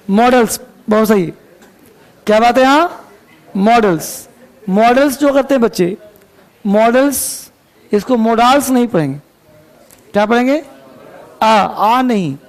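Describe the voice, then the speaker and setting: Slow, gravelly high-voiced male teacher. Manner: chatty, joking, quizzes students. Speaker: English teacher. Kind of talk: classroom lecture. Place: classroom.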